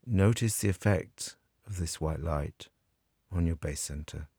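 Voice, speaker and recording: A man guiding a scripted meditation in a soothing, measured way with long pauses. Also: deep voice, warm tone, breathy edge, no room sound. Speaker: meditation guide. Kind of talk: guided meditation narration, scripted.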